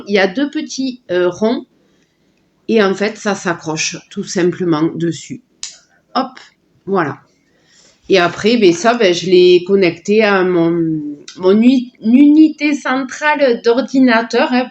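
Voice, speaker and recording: A woman's voice: mid-range voice, a little mellow, highs cut off. A woman chatting casually and delightedly through a sponsored unboxing, full of little filler words. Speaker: vlogger unboxing a product.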